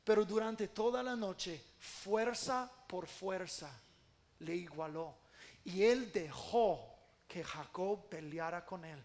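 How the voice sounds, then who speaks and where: A man preaching a sermon with passion, acting out quoted prayers in loud bursts. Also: high voice, slow pace.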